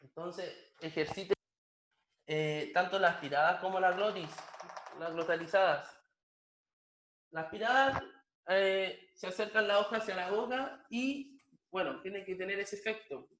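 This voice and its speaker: A man teaching a language lesson slowly and patiently, repeating each word several times so that students can copy it. His voice sits fairly high for a man, and he is recorded in an echoey room. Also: fairly bright tone, a little hiss or hum. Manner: slow, patient, repeats words and drills pronunciation.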